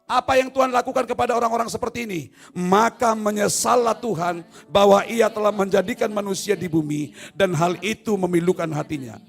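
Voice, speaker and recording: A male pastor preaching a sermon in a church service, swinging from soft, low asides to loud shouted appeals, with teasing jokes along the way. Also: fairly quick, creaky, soft background music. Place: church hall. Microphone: no mic at times.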